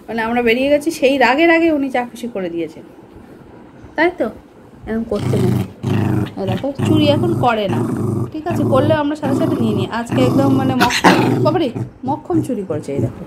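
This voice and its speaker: High lively woman cooing at her dog. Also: heavy background noise. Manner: coaxing baby talk to the dog, teasing and laughing. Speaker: dog owner filming her pet. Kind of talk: casual pet vlog, talking to a dog. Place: home.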